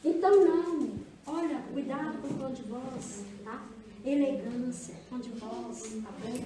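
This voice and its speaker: A woman's voice: high voice, measured pace, dark tone. A Brazilian woman pastor leading a women's church seminar, chatty and teasing, often asking her listeners questions. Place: church hall. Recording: echoey hall, distant mic.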